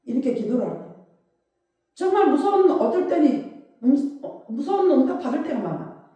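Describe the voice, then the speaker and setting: A woman's voice: high voice, very animated, moderate pace, mellow, heavy reverb, distant mic. A woman pastor preaching a sermon with emphatic rhetorical questions. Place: church sanctuary.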